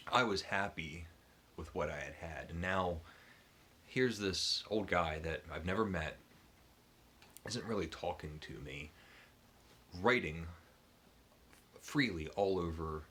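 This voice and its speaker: A man's voice: sits low, slow, long pauses, bright, forceful tone, breathy edge. A man hosting his book channel, casually telling a personal story to the camera with many ums and restarts. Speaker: booktube channel host.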